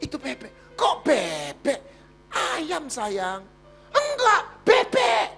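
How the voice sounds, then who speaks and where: A man's voice: extremely high pitch, sing-song, very slow, gravelly, fairly bright tone, faint music behind, exaggerated voice. A man voicing a spoiled, stubborn young bride who insists and grows tearful. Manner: whiny, insistent, near tears.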